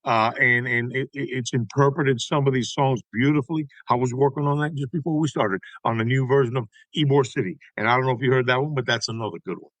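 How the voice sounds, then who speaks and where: Male guest, 60s, from Tampa, animated storyteller, mid pitch, dry close sound. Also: fast, hardly any pauses, dry recording, poor audio. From Tampa, Florida. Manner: animated storyteller, tags points with "okay?". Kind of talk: conversational interview storytelling.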